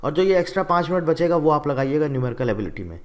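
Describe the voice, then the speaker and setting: A young man with a fairly high voice gives an exam strategy lecture to his students. He speaks directly and instructively, like a coaching teacher walking the class through a plan. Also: sing-song, racing, darkish tone.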